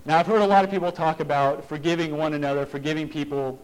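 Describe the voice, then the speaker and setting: A man giving a sermon in an earnest, plain-spoken way, slowing down for emphasis. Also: on the high side, steady tone, smooth, rough recording. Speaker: preacher.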